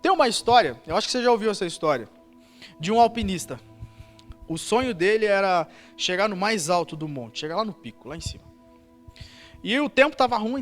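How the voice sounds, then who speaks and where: A man's voice: sits high, a bit bright. A Brazilian man preaching a sermon as pastor at a church service, telling a story with repeated emphatic words. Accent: Brazilian Portuguese.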